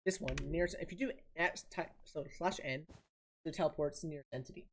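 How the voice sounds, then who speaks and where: A woman with a deep voice streams a building game, casually thinking aloud and muttering each step to herself a little fast. Keyboard typing and clicks are audible, along with slight background noise.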